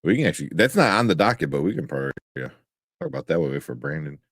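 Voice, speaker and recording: A young man co-hosting a live pop-culture chat show, relaxed and rambling with restarts. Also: rumbling low, rapid-fire, no echo, studio quality. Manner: laid-back, rambling with restarts and laughs. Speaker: co-host of live nerd news show. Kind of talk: casual chat.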